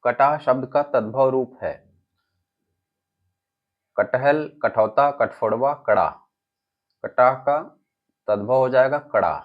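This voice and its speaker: A male teacher with an Uttar Pradesh Hindi accent reads exam-prep quiz questions and their options, then gives and explains the answers. His mid-range voice moves slowly, with frequent pauses. The audio is dull and lo-fi.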